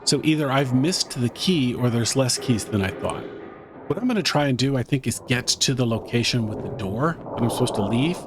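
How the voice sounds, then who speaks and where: A gaming YouTuber does let's-play commentary on a horror game, his mid-range voice animated and tense at a moderate pace. He mutters under his breath to himself and the viewer, with background noise behind him.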